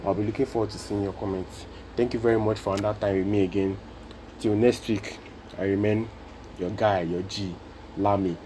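A man's voice: on the low side, fairly even intonation, fairly quick, warm tone, slight background noise, poor audio. A Nigerian man hosting a casual solo podcast, speaking earnestly and repeating his points for emphasis. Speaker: podcast host.

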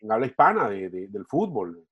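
A man's voice: fairly low pitch, big pitch swings, normal speed, fairly bright tone, slightly rough, muffled recording. A middle-aged man, a football TV panelist talking casually on a podcast, rambling and restarting his words. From Venezuela.

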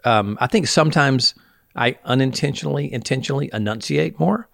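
A man's voice: mid-range voice, a little fast, vocal fry, fairly bright tone, no echo, studio quality. A man with an Alabama Southern accent, hosting a casual podcast chat in an easygoing way. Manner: easygoing, laughs along. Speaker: podcast host. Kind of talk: casual conversation.

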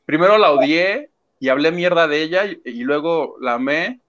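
A man's voice: a little high, lively intonation, normal speed, a bit bright. A Mexican man co-hosting a casual celebrity gossip chat in a playful, sweary way. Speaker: co-host. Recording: dull lo-fi sound.

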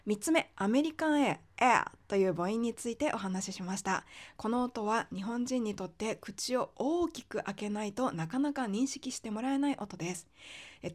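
A woman teaching English pronunciation on a podcast, explaining patiently with frequent fillers and slowing down to demonstrate sounds. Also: mid-range voice, darkish tone.

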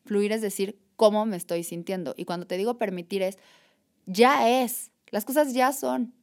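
Woman guest on a podcast, lively and thoughtful, keeps saying o sea. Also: medium pitch, normal speed. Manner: animated, reflective, repeats "o sea" and "¿sabes?". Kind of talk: casual conversation.

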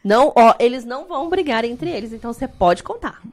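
A woman's voice: fairly high pitch, animated, quick pace, darkish tone. A woman from Brazil hosting a casual podcast, asking playful questions and talking straight to her listeners. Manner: chatty, asks playful questions, talks to listeners as "gente". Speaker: podcast host.

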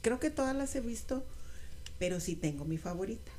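A woman co-hosting a casual film podcast, enthusiastic and quick to agree. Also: a little high, lively intonation, dark tone, slight background noise. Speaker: podcast co-host.

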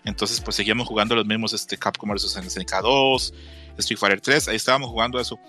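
A man's voice: lowish voice, steady tone, fast, pushed and bright, faint music behind. A man in his thirties with a Mexican accent, telling stories in casual chat. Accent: Mexican Spanish. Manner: storytelling, mimics voices with laughter. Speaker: podcast co-host.

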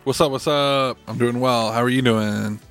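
A man's voice: medium pitch, fairly even intonation, moderate pace, a bit bright, soft background music. Easygoing male podcast co-host. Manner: thoughtful, loose, frequent fillers. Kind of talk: casual podcast chat.

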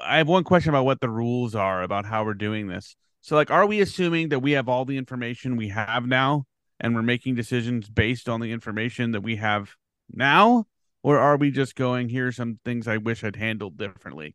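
A man, a pastor co-hosting a podcast, chatting casually with jokes and halting restarts. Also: mid-range voice, animated, fairly bright tone, dry recording. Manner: joking, hesitant restarts. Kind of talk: casual chat.

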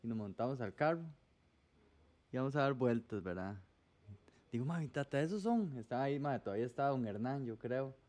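A Costa Rican man chatting casually on a podcast, telling his own story in local slang. His voice sits at an ordinary mid pitch for a man, and he drops quoted lines into the telling. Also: animated, fairly quick, a little mellow.

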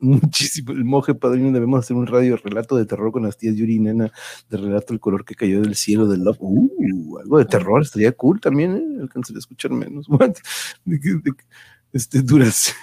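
A man's voice: mid-range voice, normal speed, warm tone, husky, no echo. A Mexican man hosts a casual online show in a mid-range voice with a dry, close sound. He rambles playfully through thanks and greetings, slipping slangy English words in. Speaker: host of an online radio-drama show. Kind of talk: casual live sign-off chat with thanks to listeners.

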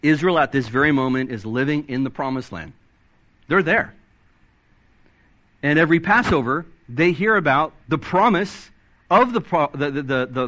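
A man preaching a sermon, excitable and animated, reading scripture aloud and swinging his pitch up and down as he stresses points. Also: lo-fi sound. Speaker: pastor.

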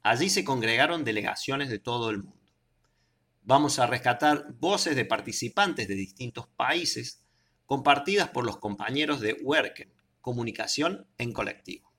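A man with an Argentine accent reading a scripted news report in a steady, measured way. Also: mid-range voice. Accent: Argentine Spanish. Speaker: radio reporter.

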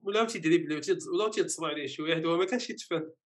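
A man with a Moroccan Arabic accent in casual football talk, restarting his sentences and mixing in French words. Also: fairly high pitch. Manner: halting restarts, mixes French words into speech. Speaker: football pundit.

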